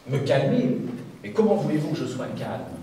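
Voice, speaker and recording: A man voicing a frantic, furious father who shouts and accuses a surgeon, in a sermon story. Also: medium pitch, fairly even intonation, moderate pace, lightly acted. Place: church. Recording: echoey church, far from the mic, background noise.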